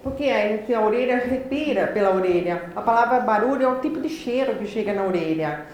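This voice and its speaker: A woman with a Brazilian Portuguese accent telling a personal story in a lecture, articulating words deliberately and with effort, in a lively, animated way. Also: mid-range voice. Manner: deliberate, effortful articulation of a speaker who learned speech late. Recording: very echoey hall, faint background noise.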